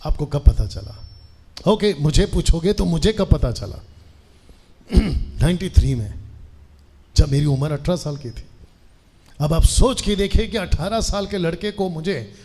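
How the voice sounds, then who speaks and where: A man in his forties preaches to a seated church congregation, his voice husky and mellow and pitched a little high for a man. He keeps pulling the room in, asking them to answer together, and drops short English phrases between his lines. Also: animated, a little slow, long pauses. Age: 40s. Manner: asks the congregation to answer aloud, peppers Hindi with English phrases. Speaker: pastor. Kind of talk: sermon to a live congregation.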